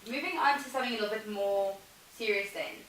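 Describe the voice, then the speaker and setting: A woman's voice: mid-range voice, quick pace, a bit bright. A South African woman asking questions in a casual interview. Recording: very echoey room, distant mic, faint hiss.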